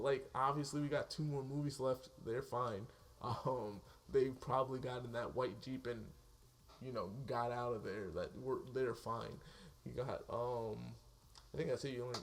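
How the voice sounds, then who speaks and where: A man giving a casual, excitable spoken movie review, swearing freely and laughing often as he talks. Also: mid-range voice. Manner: excitable, profane, laughs often mid-sentence.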